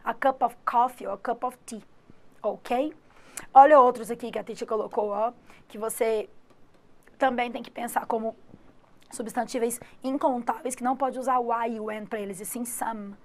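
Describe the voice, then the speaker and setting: A Brazilian woman teaching an English grammar lesson online, explaining step by step and checking in with frequent tag questions. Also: a little high. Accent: Brazilian Portuguese. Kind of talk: online exam-prep lesson.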